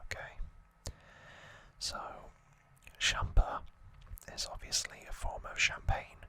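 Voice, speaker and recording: A man running an ASMR session recaps trivia in a soft whisper made only of breath, bright and sharp at the edges. He speaks informally and haltingly, repeatedly correcting himself as he goes.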